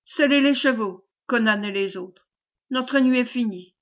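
Méloir, a gruff knight read by a woman. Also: a little high, unhurried, dull audio, lightly acted. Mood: commanding. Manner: brusque, ordering. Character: commanding male knight, greedy and stubborn.

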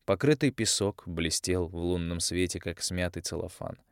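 Low-voiced male audiobook narrator. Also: moderate pace, clear, resonant tone, no room sound, studio quality. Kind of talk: scripted narration.

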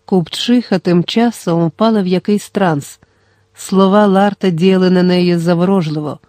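A reader narrating an audiobook in a steady, measured storytelling manner. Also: mid-range voice, no echo.

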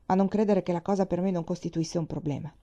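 A woman's voice: lowish voice, fairly even intonation, fast talker, mellow, highs cut off, lightly acted. A woman reading the part of a young male naval captain, dry and dismissive. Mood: wry.

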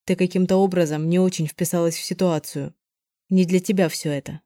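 Woman narrator voicing a hushed young man, lowered pitch, quiet urgent delivery, dry close sound. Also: fairly even intonation, a little fast, no echo, natural voice. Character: young man, tense protective friend.

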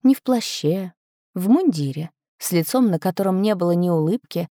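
Woman, first-person audiobook narration, expressive storytelling, mellow lowish voice, dry close mic. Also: moderate pace, no room sound. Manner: expressive storytelling with bright upward swings on lively moments.

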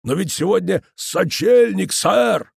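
A man's voice: high voice, expressive, takes it slowly, creaky, slightly rough, no room sound, clean studio sound, voice pushed up, heavily acted. A man voicing a jovial middle-aged innkeeper with a hearty, theatrical manner.

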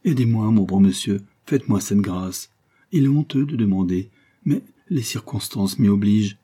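A man's voice: moderate pace, dark tone, slightly rough. A man voicing a ragged drunken beggar who pleads and stammers. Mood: pleading. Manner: pleading, stammering, high and strained.

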